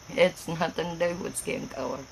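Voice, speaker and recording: A woman with a folksy Appalachian accent from Tennessee chats casually on a livestream. Her voice is gravelly with plenty of fry, and she talks in a plain, rambling, rural way. Faint noise sits behind her on the recording. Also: sits low, a little slow. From Tennessee, United States. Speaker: livestream host.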